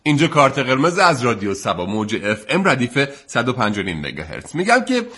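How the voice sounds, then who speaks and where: Bright husky man hosting radio banter. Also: mid-range voice, huge pitch swings, soft background music. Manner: teasing, mock-formal presenter. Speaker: radio sports comedy host. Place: radio studio.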